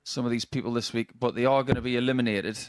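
A man's voice: mid-range voice, fairly even intonation, quick pace, clear, resonant tone, no echo. A man giving live darts commentary as a sports commentator.

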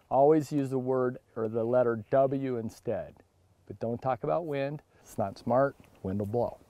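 A man's voice: medium pitch, warm tone, dry recording, dull audio. A middle-aged man hosting a fly fishing vlog outdoors on a river, casual and jokey, exclaiming when a fish strikes. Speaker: fly fishing channel host.

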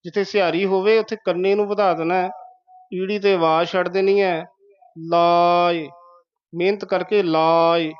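A man giving a slow, patient pronunciation lesson, breaking words into syllables. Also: high-pitched, lo-fi sound. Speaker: teacher of scripture pronunciation.

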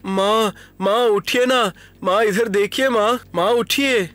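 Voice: medium pitch, slow pace, a bit bright, no room sound, soft background music. A voice actor dubbing a frightened young boy who pleads with his parents in a dubbed film. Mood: desperate crying. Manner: pleading, repeats the same calls. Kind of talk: Hindi film dub.

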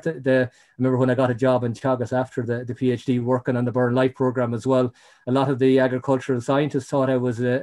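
A man's voice: medium pitch, a little mellow. An Irish man, middle-aged, telling his story in a casual interview, rambling with many restarts and "you know". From Ireland. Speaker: guest, ecologist.

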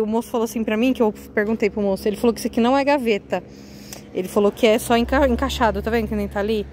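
A woman's voice: mid-range voice, low-quality recording. Woman, casual vlog walkthrough, outdoors on a street, faint traffic behind. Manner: chatty, eagerly addresses viewers. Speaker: vlogger.

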